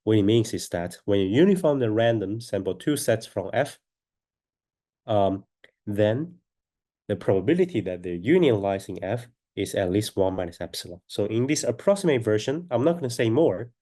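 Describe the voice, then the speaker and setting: A man lecturing on a mathematical proof step by step, with a stuffy nose from a cold and a halting, deliberate delivery. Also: lowish voice, animated, mellow.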